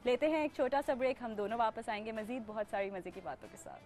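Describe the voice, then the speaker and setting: A woman from Pakistan hosts a relaxed talk show. Her voice sits a bit high and she keeps things playful, laughing often and slipping into English mid-sentence. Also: fast, faint music behind. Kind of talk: casual talk show chat.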